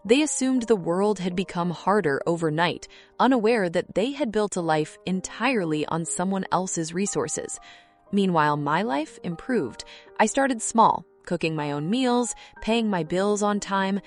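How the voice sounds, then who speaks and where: A woman narrating a first-person story in a calm, measured, reflective way, in short clipped phrases. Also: medium pitch. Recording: faint background music.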